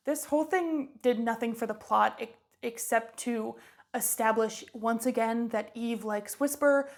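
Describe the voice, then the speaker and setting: A woman vlogger casually recapping a film's plot in a chatty, offhand way. Her fairly high voice has a creaky edge. She keeps her pitch flat. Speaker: movie review vlogger.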